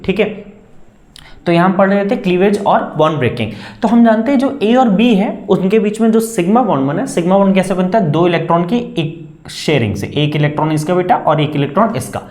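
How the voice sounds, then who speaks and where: A man's voice: sits high, darkish tone. Male chemistry teacher, echoey room. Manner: coaxing, calls students beta, asks and answers own questions; dictates definitions slowly, word by word. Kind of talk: classroom lecture.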